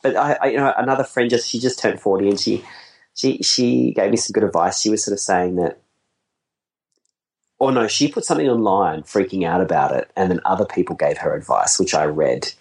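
A man in his forties with a lowish voice speaks a little fast in casual conversation. As a wedding photographer, he rambles along, laughs easily and often turns jokes on himself.

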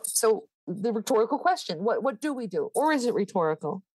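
Female author guest for an interview: high-pitched, earnest and emphatic, repeats herself for emphasis. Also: big pitch swings, a little fast, darkish tone, husky, no room sound, rough recording. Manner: emphatic, repeats words when stressing a point. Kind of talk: conversational interview.

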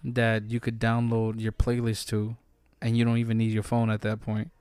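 A man's voice: lowish voice, completely flat delivery, moderate pace, a little mellow, clear, resonant tone. A man chatting casually in bro-ish slang with easy swearing, as on a podcast. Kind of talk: casual chat.

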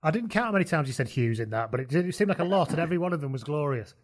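A man hosting a casual football podcast chat, talking in a relaxed way and laughing often. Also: on the high side, rapid-fire. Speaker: podcast host.

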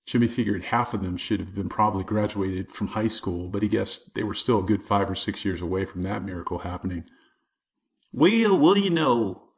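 A man's voice: low voice, fairly even intonation, brisk, hardly any pauses. A man narrating a children's chapter book in a vivid storytelling manner. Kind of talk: audiobook narration.

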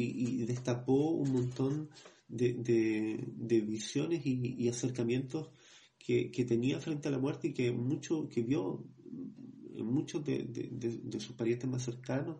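A man co-hosting a podcast, reading passages from a book in a measured way, then hesitating as he comments in his own words. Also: mid-range voice, fairly even intonation, gravelly, warm tone. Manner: measured reading, hesitant when speaking freely. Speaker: podcast co-host.

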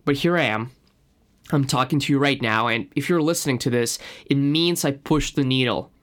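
A man's voice: mid-range voice, normal speed, fairly bright tone. Russian-accented man hosting a podcast. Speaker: podcast host. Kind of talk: scripted podcast introduction monologue.

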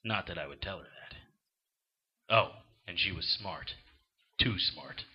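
An actor playing a short-tempered, sardonic supernatural private eye, with a husky voice and wry hard-boiled delivery in a noir audio drama. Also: male voice, sits low, takes it slowly, dull audio, full character voice. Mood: wry narration.

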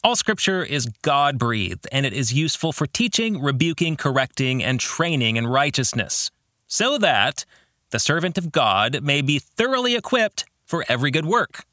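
On a book discussion podcast, a male theology teacher teaches and reads quotations with academic emphasis, asking reflective questions of his listener. His voice is on the high side, pushed and bright, with big pitch swings and a moderate pace. The recording is dry and studio-clean.

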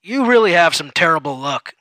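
Man putting on a loud, chummy office boss. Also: fairly high pitch, lively intonation, fairly quick, no echo, pitched above the performer's own voice. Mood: overbearing. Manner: loud, overexcited, patronizing. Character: overly chummy male office supervisor, pushy.

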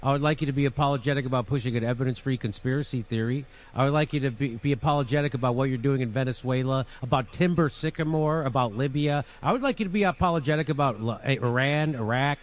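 A man giving sarcastic commentary in a played clip, mocking his target with rapid lists. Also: mid-range voice.

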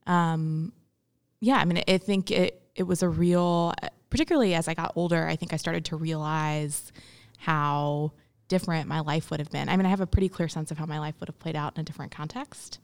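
A young woman, a guest in a casual interview, speaks in a low, gravelly voice. She talks thoughtfully, with many "um"s and restarts. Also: steady tone, brisk. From born in India, grew up in Memphis, Tennessee. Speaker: guest, entrepreneur.

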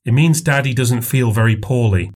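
A man voicing a tired young mother, speaking quietly and firmly. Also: mid-range voice, normal speed, natural voice. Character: tired young mother, firm and soft-spoken.

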